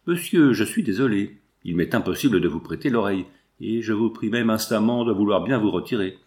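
A man voicing an impatient, irritable gentleman with a gun, giving curt, exasperated replies. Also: on the low side, animated, a little fast, natural voice.

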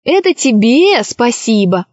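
A fickle pirate queen from a children's storybook who gushes and exclaims in a raised, fairly high voice, as a woman puts her on. She speaks slowly, and the recording is dry and slightly dull. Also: very animated, a little mellow, no echo. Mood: sly. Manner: gushing and exclamatory.

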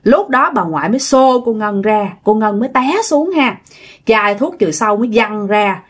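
A woman's voice: medium pitch, expressive, normal speed. Chatty woman storyteller. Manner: chatty, addresses listeners directly. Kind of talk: casual ghost-story narration.

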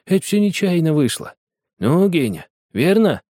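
Man putting on a gentle old teacher, soft and coaxing, lilting up and down. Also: fairly high pitch, very animated, moderate pace, dry recording, studio quality, pitched above the performer's own voice. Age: older. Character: kindly gentle old male botany teacher.

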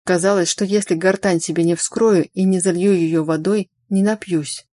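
Panicky grey-haired innkeeper, voiced by a woman narrator, low and dry. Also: fairly even intonation, moderate pace, dark tone, no room sound, natural voice. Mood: frightened. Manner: anxious, hoarse pleading. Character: frightened grey-haired old male innkeeper.

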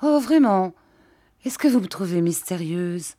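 A woman's voice: on the low side, expressive, measured pace, warm tone. A woman reading an audiobook, voicing an ironic young woman who speaks with feigned innocence and pointed, raised questions.

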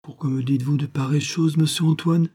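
Man doing a young widow innkeeper, cooing, pleading, pitched up, husky, audiobook character. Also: fairly even intonation, fast talker, dark tone.

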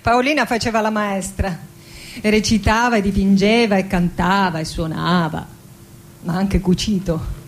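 In a theatrical radio monologue, an actress portrays a middle-aged Argentine woman poet, reciting lyrically and deliberately with dramatic pauses, melancholy, wry and passionate. Her mid-range voice keeps a fairly even intonation over music, lightly acted, with a wistful, proud mood.

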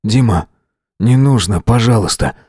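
A man's voice: on the low side, expressive, unhurried, darkish tone, slightly rough, dry recording, clean studio sound. A man reading an audiobook voices a middle-aged teacher who pleads desperately. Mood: pleading.

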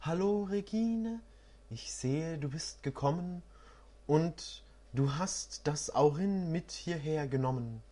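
A reader voicing an oracle who speaks in rhyme in a hushed, slow chant. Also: medium pitch, expressive, voice pushed down. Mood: solemn.

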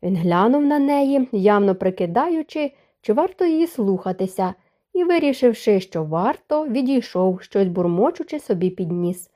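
A woman reading an audiobook of a romance novel in an even, measured narration. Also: mid-range voice.

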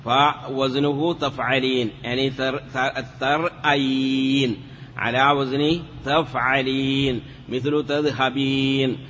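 A male teacher giving a step-by-step Arabic grammar lesson, asking the class questions and drawing words out slowly. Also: medium pitch, little pitch movement, fairly bright tone. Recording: lo-fi, hall reverb, faint noise.

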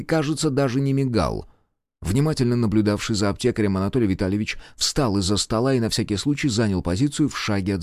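A man narrating an audiobook in an expressive storytelling manner. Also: lowish voice, dry recording, studio quality.

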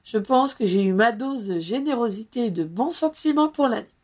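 A woman reading the lines of a sharp, skeptical woman journalist, cutting in tone. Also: a little high, expressive, normal speed.

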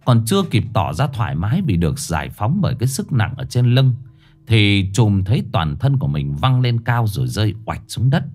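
Man narrating a lively story. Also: fairly low pitch, normal speed, soft background music.

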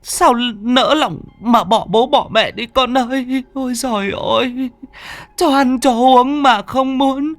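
A man voicing a grieving village grandmother who laments her drowned son in a high, sobbing cry. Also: takes it slowly, no room sound, exaggerated voice. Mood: wailing grief.

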